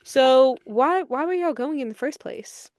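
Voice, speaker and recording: A woman with a fairly high voice rants through a casual solo podcast, blunt and full of swearing. She calls people out by name as if they were listening. The sound is close and dry, with no room around it. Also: animated, measured pace, a little mellow, no echo. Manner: blunt, profane, ranting; scolds listeners and people directly. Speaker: podcast host.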